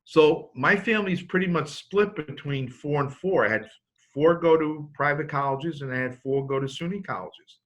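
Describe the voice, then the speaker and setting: Brief: fifties man presenting financial aid to parents, folksy and anecdotal, with a bright tone. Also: a little high, moderate pace. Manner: anecdotal, joking, with many restarts. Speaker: college financial aid speaker. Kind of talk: informational talk to parents.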